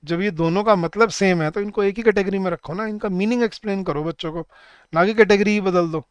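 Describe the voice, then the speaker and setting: A man's voice: high-pitched, smooth, dry recording. Chatty Indian man teaching grammar. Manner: chatty, addresses viewers as guys, slow emphatic example sentences. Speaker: English teacher. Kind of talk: online exam-prep grammar lesson.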